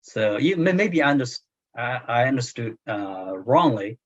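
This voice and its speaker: The same Chinese-accented translator, a native speaker from China in his sixties, talks a little slowly at medium pitch with big swings in intonation. His book club remarks are hesitant, full of fillers and restarts, captured in muffled lo-fi audio.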